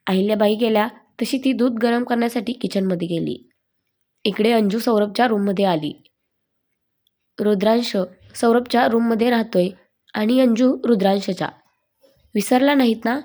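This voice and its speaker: A woman reading a family drama story aloud as the channel's storyteller, steady and expressive. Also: on the high side, moderate pace, long pauses. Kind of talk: scripted story narration.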